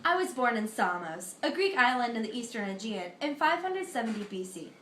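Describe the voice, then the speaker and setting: With a voice on the high side, very animated and fairly bright, a teenage girl performs as Pythagoras in a reverberant room with slight background noise. She is a student doing a history project, reciting mock-interview answers earnestly and a touch haltingly, with minor slips. She casts the philosopher as an earnest older man.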